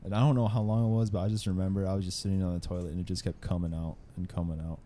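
A man's voice: low-pitched, flat delivery, rapid-fire, warm tone, a little hiss or hum. A young man co-hosting a podcast in casual, crude, argumentative chat. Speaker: podcast co-host.

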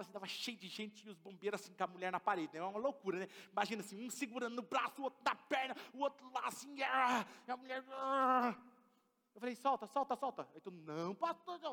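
A man's voice: high voice, bright, forceful tone, big-room sound. A man preaching a sermon as pastor, emphatic and questioning the congregation. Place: church.

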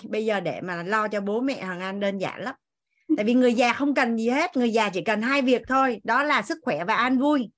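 A woman's voice: fairly high pitch, fairly bright tone. A woman teacher leading an online class, speaking to the group as family, on a video call.

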